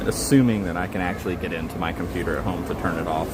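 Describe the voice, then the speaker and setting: A man's voice: low-pitched, steady tone, fast. A man hosting a casual, rambling livestream outdoors, chatting in a self-deprecating way. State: hot and sweaty. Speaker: livestream host. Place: outdoors at a busy theme park. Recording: loud outdoor park and vehicle noise.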